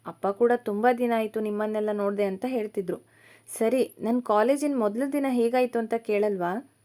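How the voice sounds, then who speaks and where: A woman voicing an affectionate young male college student who speaks gently and reassuringly in a storybook reading. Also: fairly high pitch, steady tone, moderate pace, close to an everyday voice.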